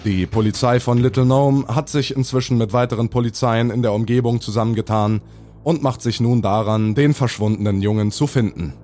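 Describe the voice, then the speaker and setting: A man's voice: medium pitch, steady tone, fairly quick, warm tone. Male narrator for horror audio drama: mid-range voice, formal report-style reading, faint music beneath.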